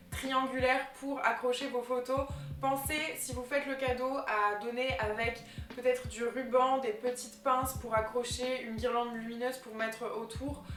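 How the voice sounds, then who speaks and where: A young vlogger, her voice on the high side, talks excitedly about gift ideas at a moderate pace, though her delivery sounds flat, and she uses lots of fillers. The casual chat is recorded in an echoey room with faint music.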